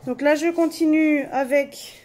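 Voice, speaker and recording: Woman vlogger, high voice, casual rambling home chat. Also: fairly even intonation, measured pace, a little mellow, slight background noise. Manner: chatty, filler-heavy, self-correcting. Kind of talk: casual chat while swatching paints.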